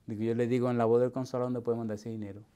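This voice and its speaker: A man preaching in a humorous storytelling style. He repeats words for rhythm, often chuckles, and drops to a hushed voice when he tells what someone said. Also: mid-range voice, racing. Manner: animated, repetitive, drops to a hushed voice for quoted dialogue.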